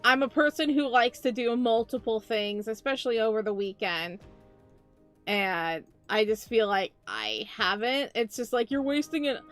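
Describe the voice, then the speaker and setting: Her voice is fairly high, animated, and fairly bright, delivered at normal speed over soft background music. As a VTuber streaming live, this tired woman chats casually with her audience, talks to chat, and mocks herself.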